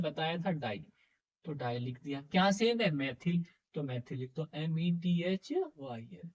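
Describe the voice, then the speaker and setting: A man's voice: high voice, darkish tone. A man teaching a chemistry class, coaxing students with repeated questions, his voice a little heavy from being unwell. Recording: dull, muffled lo-fi sound.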